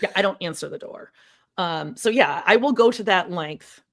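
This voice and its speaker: A woman's voice: on the low side, moderate pace, a bit bright. Blunt sarcastic woman podcast co-host. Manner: blunt, sarcastic, swears freely. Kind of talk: snarky casual watch-along chat.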